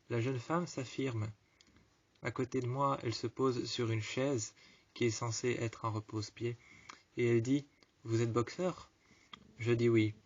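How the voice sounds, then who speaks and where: A man telling a story in the first person, slowly repeating and rephrasing each phrase. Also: medium pitch. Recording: slightly muffled lo-fi recording.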